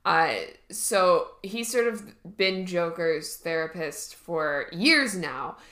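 A woman with a lowish, fairly bright voice speaks slowly and expressively as a podcast co-host. Her casual chat is hesitant, full of fillers and restarts, and she laughs often; the recording has a roomy echo.

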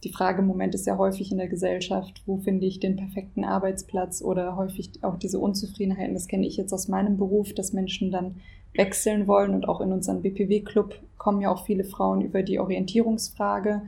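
Woman interviewer, flat-toned, gentle and probing, lots of pauses. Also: mid-range voice, creaky. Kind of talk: conversational interview.

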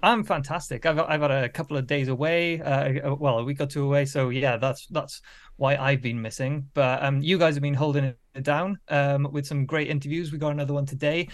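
A man's voice: on the high side, fairly even intonation, fairly quick. A man hosting a sports podcast and interviewing in a conversational style. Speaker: podcast host.

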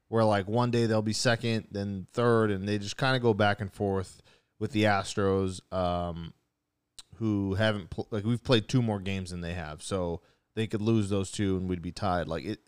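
A young man hosting a casual sports podcast, talking fast with joking, profane banter. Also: lowish voice, smooth, dry recording, studio quality. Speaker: podcast host.

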